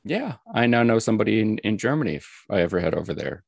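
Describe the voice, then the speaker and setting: A man's voice: on the low side, very animated, quick pace, creaky, dry recording, clean studio sound. A man hosting a podcast in a casual, joking chat. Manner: joking, playful. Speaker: podcast host.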